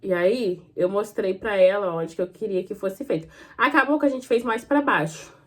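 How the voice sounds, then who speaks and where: A woman's voice: medium pitch, normal speed. A young woman chatting in a casual vlog, telling a story in a rambling way and acting out both sides of the conversation. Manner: chatty, rambling, often says "gente" and "falei assim". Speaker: vlogger.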